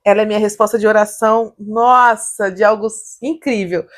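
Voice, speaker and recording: A young Brazilian woman, a salon owner, telling animated stories on a casual podcast, laughing often and acting out what people said. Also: mid-range voice, moderate pace. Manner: animated storytelling, laughs often, acts out quotes.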